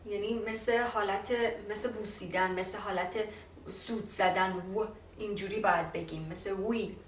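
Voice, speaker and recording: A woman from Iran gives a casual spoken lesson on English sounds, stopping to model each one slowly between fillers. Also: mid-range voice, distant mic, a little hiss or hum. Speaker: language teacher. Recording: roomy, from off-mic, faint ambience.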